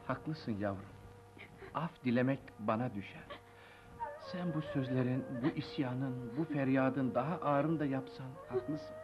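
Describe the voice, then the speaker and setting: A man's voice: mid-range voice, unhurried, close to an everyday voice. An actor playing a remorseful older father who laments and blames himself in an old film drama. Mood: pleading. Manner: anguished, lamenting monologue. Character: remorseful older father, grieving and self-blaming. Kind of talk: 1950s film drama acting. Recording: dull old film soundtrack with music.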